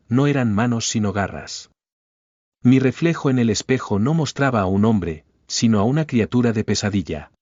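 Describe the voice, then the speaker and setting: A man tells a first-person horror tale in a fairly low voice. His delivery is solemn and dramatic, clearly scripted narration. The recording is dry, with a somewhat dull, lo-fi tone. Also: a little mellow, no room sound.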